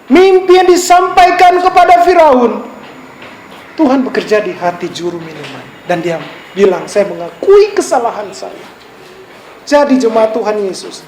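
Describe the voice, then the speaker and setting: A woman preacher delivering a sermon with dramatic emphasis, swinging between loud and hushed delivery. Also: sits high. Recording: echoey room with faint background noise.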